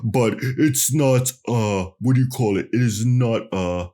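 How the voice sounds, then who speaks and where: A man's voice: medium pitch, a little slow, warm tone, pitched above the performer's own voice, close to an everyday voice. A man putting on a mocking, whiny voice of a defensive male game fan. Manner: mocking, sing-song whine.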